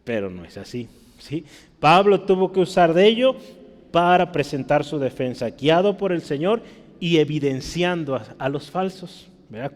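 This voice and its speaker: A man's voice: fairly high pitch, darkish tone, big-room sound. A man with a Mexican Spanish accent preaching a conversational sermon, often checking in with his listeners. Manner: conversational teaching, frequent tag questions.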